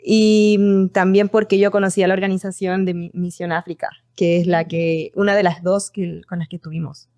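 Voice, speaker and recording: A woman's voice: lowish voice, flat delivery, normal speed, hardly any pauses, darkish tone, no room sound. Chilean woman in her twenties, dry mic. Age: 20s. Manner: storytelling with restarts. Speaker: guest. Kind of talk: casual podcast conversation.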